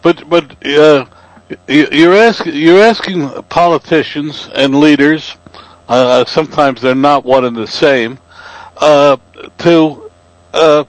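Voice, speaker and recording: This is a male talk show host, halting and stop-start, often hunting for his next word. His voice sits a little high and is recorded dry, with no room sound. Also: dry recording, rough recording.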